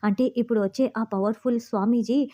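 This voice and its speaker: A woman's voice: a little high, steady tone, fast talker, warm tone, lightly acted. A woman reading a taunting gossipy older woman. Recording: slightly dull recording.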